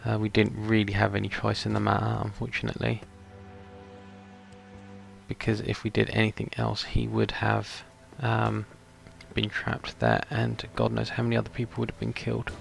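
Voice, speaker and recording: A man with a creaky voice giving casual playthrough commentary as a gaming video host. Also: fairly low pitch, monotone, normal speed, soft background music. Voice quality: creaky, gravelly.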